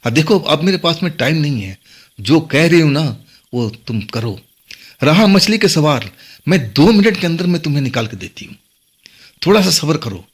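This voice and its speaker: A man voicing a young female ghost girl who keeps pleading and warning, in a husky voice lifted higher than his own. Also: very animated, normal speed. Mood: urgent pleading.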